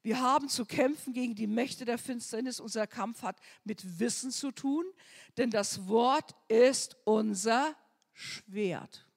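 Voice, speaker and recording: A woman preaching a sermon with fervor, her delivery swinging from soft, near-whispered prayer to loud cries. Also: a little high, slow, vocal fry, slightly rough.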